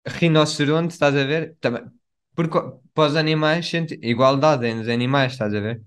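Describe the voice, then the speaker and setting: A man's voice: a little high, moderate pace, clean tone. A young man, co-hosting a podcast in a casual, slangy and joking way. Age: young adult. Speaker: podcast co-host. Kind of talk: casual chat.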